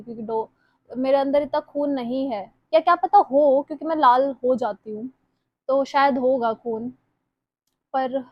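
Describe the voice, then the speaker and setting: A woman's voice: high-pitched, muffled recording. A young woman from Haryana talking casually as a vlogger, chatty and self-mocking, with a Haryanvi-tinged Hindi accent and bits of English mixed in. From Haryana, India. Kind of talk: casual chat. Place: home kitchen and city streets.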